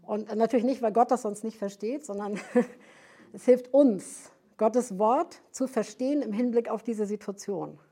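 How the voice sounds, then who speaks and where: A woman's voice, a little higher than most, with a dark, mellow tone. She teaches in an explanatory way, pausing on fillers and rephrasing as she goes. It sounds like a teaching session at a prayer house. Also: husky. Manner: explanatory, searching for words with frequent fillers and restarts.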